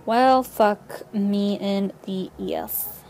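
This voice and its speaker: A woman's voice: medium pitch, drawn-out words, a little mellow, a little hiss or hum, poor audio. A young woman casually commenting while playing a video game, chatty and prone to swearing. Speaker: let's play host. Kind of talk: casual let's play commentary.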